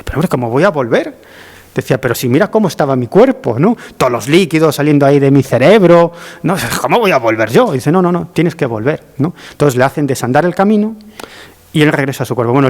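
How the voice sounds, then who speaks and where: A man's voice: mid-range voice, darkish tone. A man telling a story in a casual, rambling way, often tagging "¿no?" and restarting his sentences. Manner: rambling, with frequent "¿no?" tags and restarts. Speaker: guest author. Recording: long hall reverb.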